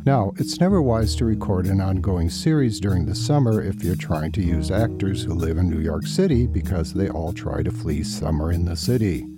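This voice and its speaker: A man's voice: low-pitched, animated, moderate pace, hardly any pauses. A man narrating a scripted podcast as its host, in a wry, self-deprecating storytelling manner. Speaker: podcast host and series writer-producer. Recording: music behind the voice.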